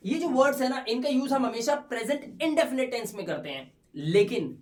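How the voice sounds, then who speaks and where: A man teaching an English grammar lesson, explaining step by step with rhetorical questions and reading example sentences slowly. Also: extremely high pitch, animated, a little mellow. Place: teaching room in front of slides. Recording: roomy echo, voice from far off.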